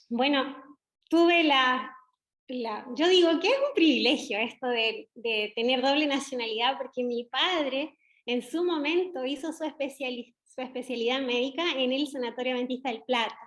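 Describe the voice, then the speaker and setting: A middle-aged woman with a Chilean accent, a doctor speaking as guest in an interview, measured and reflective with pauses. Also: high voice, fairly bright tone. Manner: measured, reflective, frequent hesitations. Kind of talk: conversational interview.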